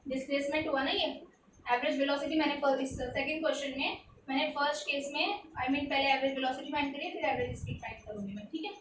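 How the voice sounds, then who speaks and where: A high-voiced woman walks through a physics problem, posing questions and answering them herself, with English terms mixed into her Hindi. She sits back from the mic in an echoey room, with faint noise behind her. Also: steady tone, quick pace, recorded from a distance. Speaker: tutor. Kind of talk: explaining a textbook physics problem.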